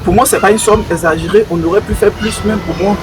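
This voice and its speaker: A man's voice: high voice, steady tone, fast talker, noisy background. A man giving emphatic football opinions, often repeating words as he searches. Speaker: football pundit. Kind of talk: debate commentary. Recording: music bed behind voice.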